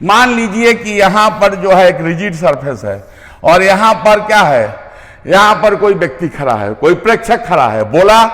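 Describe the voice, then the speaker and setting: A man's voice: high voice, animated, normal speed, fairly bright tone, in a large hall. A man teaching a physics lecture, repeating key terms and asking the class whether they follow. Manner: repeats key terms, checks understanding with questions.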